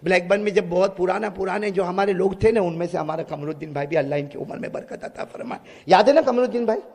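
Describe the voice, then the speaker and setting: A middle-aged man preaching to a gathering, telling stories with jokes and sudden loud exclamations. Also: sits high, fast talker. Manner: joking, bursts into loud exclamations. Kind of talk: humorous sermon storytelling. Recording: echoey hall reverb.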